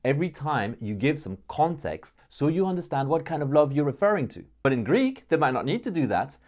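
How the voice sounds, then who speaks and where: A man's voice: fairly high pitch, big pitch swings, fairly quick, a little mellow. A man speaking English as a second language, patiently explaining a point with examples like a public speaking coach. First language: not English. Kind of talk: explanatory talking-head lesson.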